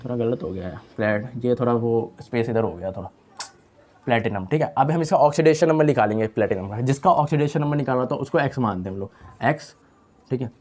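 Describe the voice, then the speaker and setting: Young male tutor, mid-pitched, chatty classroom delivery, repeats terms and quizzes himself aloud. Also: fast talker, a little mellow. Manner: casual, repeats key terms, asks and answers own questions. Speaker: chemistry teacher. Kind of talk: online lecture.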